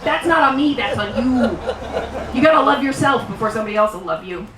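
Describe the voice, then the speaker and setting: A woman's voice: fairly high pitch, lively intonation, fairly quick, a crowd in the background. Wry woman comic in a roomy venue. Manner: wry, self-mocking delivery with sudden shouted bursts. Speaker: stand-up comedian. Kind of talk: live stand-up comedy set. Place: small live venue. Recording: roomy live sound from a distant mic.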